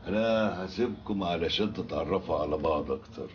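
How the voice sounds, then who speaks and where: Gruff egyptian boss guy played by a man, very low voice, dull film audio. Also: a little fast, slight background noise, lightly acted. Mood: commanding. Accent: Egyptian Arabic. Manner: commanding, blunt. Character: gruff middle-aged male neighborhood boss. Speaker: neighborhood boss.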